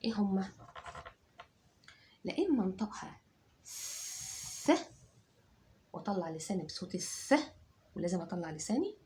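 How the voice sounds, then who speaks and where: A woman's voice: mid-range voice, big pitch swings, brisk, long pauses, warm tone, a little hiss or hum. A woman teacher with an Egyptian accent, giving a phonics lesson to children, sounding out letters and checking that they follow. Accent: Egyptian Arabic. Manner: drills sounds aloud, repeats and checks understanding. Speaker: English teacher.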